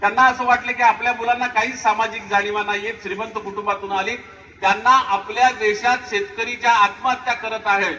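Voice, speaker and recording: A man's voice: sits high, level tone, a little fast, bright, forceful tone. A man giving a public speech as a guest poet, telling an anecdote and acting out the dialogue dramatically. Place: large hall at a school gathering. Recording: echoey hall, distant mic, faint noise.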